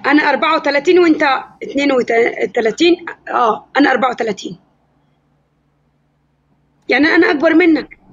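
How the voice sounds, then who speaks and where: A woman's voice: high voice, quick pace, long pauses. A woman in her thirties with an Egyptian accent, bantering easily with a host over a phone video call with dull lo-fi audio. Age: 30s. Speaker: guest on a livestream. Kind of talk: casual video call chat.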